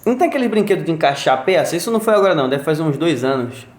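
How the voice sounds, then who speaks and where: A man's voice: a little high, lively intonation, very fast. A father telling a story in a casual conversation. He acts out sounds and quotes as he goes. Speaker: guest, father. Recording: roomy echo.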